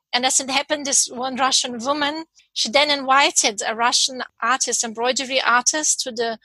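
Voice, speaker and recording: A woman from Kazakhstan, a podcast guest telling her personal story in a reflective way, pausing often with small hesitations. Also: sits high, pushed and bright, dry recording, poor audio.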